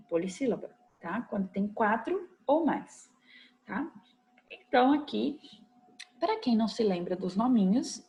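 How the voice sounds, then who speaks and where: A woman with a Brazilian accent gives a recorded lesson to children, her voice slightly high. She is patient and coaxing, checking in often with little questions. She speaks into a computer mic at her desk. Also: a little mellow. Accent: Brazilian Portuguese. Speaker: primary school teacher. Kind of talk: recorded online class for children.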